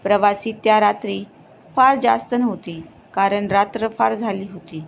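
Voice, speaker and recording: A woman's voice: mid-range voice, fairly even intonation, moderate pace, vocal fry, a little hiss or hum. A woman narrating a horror story, reading steadily, often tripping and restarting her words. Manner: reads steadily with frequent slips and restarts.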